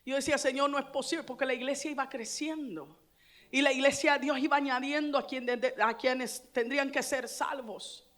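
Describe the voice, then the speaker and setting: High, bright-voiced woman preaching fervently. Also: steady tone, normal speed. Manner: fervent preaching, repeating phrases, rising to loud exclamations. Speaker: pastor. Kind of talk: sermon.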